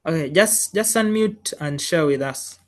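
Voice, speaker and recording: A man's voice: on the high side, a little slow. A man hosting an online engineering class on a video call, welcoming participants and politely thanking each one.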